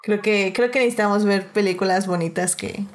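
A woman's voice: mid-range voice, fairly even intonation, brisk. A woman hosting a casual podcast chat, talking loosely with many fillers and frequent laughs. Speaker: podcast host.

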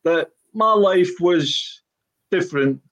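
A man's voice: sits high, slow pace, fairly bright tone. An older man from Glasgow with a broad Scottish accent, a former footballer talking bluntly about his life as a podcast guest. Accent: broad Glaswegian Scottish. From Glasgow, Scotland. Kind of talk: personal reminiscence on a panel talk.

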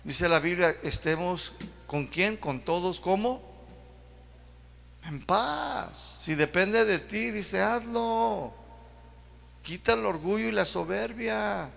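A gravelly, fairly high-voiced man with a Mexican accent preaches a sermon. He talks in a folksy, drawn-out way and keeps firing rhetorical questions at the congregation. His voice rings with the long reverb of a church hall. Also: animated, fairly bright tone. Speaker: pastor.

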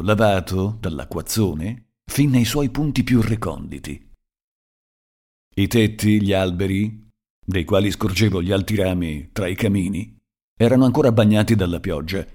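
A male narrator with a fairly low voice reads a short story aloud. His delivery is measured and expressive, in a scripted storytelling style.

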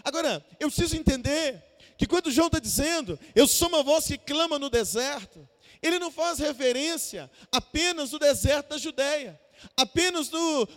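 Man, evangelical sermon, repetitive rising refrains, echoing church hall. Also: very high-pitched. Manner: repetitive, building to shouted refrains. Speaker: preacher.

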